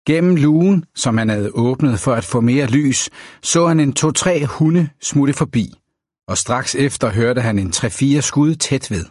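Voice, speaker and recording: A man narrates a novel as an audiobook, telling the story in a measured, even way. His pitch is medium, and the studio-quality recording has no room sound.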